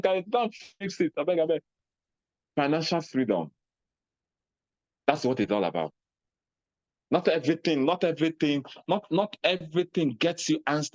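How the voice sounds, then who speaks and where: A man with a Nigerian accent giving a motivational talk, animated, acting out little scenes in a raised voice. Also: fairly high pitch, no room sound, lo-fi sound. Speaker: speaker on personal finance.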